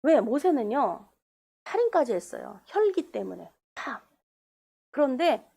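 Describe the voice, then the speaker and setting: A woman pastor preaching a sermon in a church, animated, with sudden loud bursts and quiet asides. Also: sits high. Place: church sanctuary.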